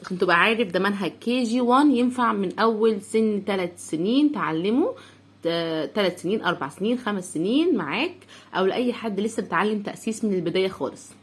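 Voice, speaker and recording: A woman's voice: mid-range voice, animated, breathy edge. Egyptian woman teaching children's phonics. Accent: Egyptian Arabic. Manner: sounds out words slowly, letter by letter, and has the listener repeat them. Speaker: English teacher. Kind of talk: phonics lesson for young children.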